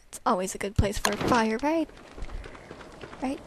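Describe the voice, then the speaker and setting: High-voiced woman narrating her gameplay. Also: expressive, normal speed, heavy background noise. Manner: talks to herself, bemused and exclamatory. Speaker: let's play gamer. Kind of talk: casual gameplay commentary. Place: at home. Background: loud game music.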